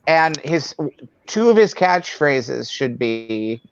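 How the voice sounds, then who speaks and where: A man doing casual improvised comedy, halting and repeating phrases as he builds the bit. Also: medium pitch, very animated, smooth, no echo. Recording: dull, dry lo-fi audio.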